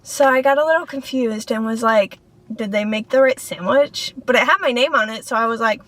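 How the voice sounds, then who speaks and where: A woman's voice: fairly high pitch, a little fast, a bit bright. A young woman chatting casually in a food vlog, rambling and poking fun at herself while filming in her parked car. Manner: chatty, rambling, self-deprecating. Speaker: food vlogger. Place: inside a parked car in a store parking lot. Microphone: camera on a tripod in the car window.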